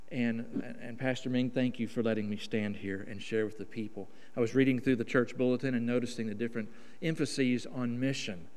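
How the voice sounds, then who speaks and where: Speaking with a Southern drawl and stretched vowels, a fifties-aged guest preacher from Oklahoma, USA, delivers a folksy, emphatic sermon. His mid-range voice is darkish, clear, and resonant, recorded in a reverberant church sanctuary.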